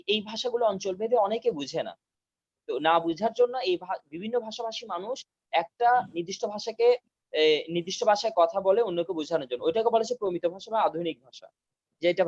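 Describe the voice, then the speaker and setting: A high-pitched man lectures his students over a video call and repeats each key term slowly so they can write it down. The sound is dry and a little dull, like online call audio. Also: no room sound. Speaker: teacher. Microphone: video call mic.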